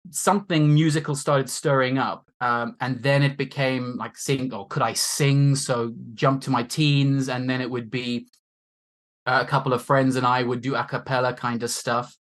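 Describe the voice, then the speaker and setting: A man in his forties from Zimbabwe, a guest on a podcast, talking in a loose, rambling way. He laughs at himself and fills his pauses with ums and restarts. His voice sits at an ordinary middle pitch. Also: fairly even intonation, a bit bright. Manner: rambling and self-deprecating, with many fillers. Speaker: guest musician and marketer. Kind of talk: casual chat.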